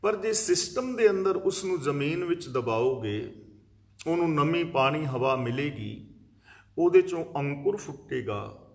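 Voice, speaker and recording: A man's voice: on the high side, lively intonation, unhurried, vocal fry, a little mellow. Man giving a spoken religious discourse. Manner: explanatory, with long lists and recited verses. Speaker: preacher giving scripture commentary.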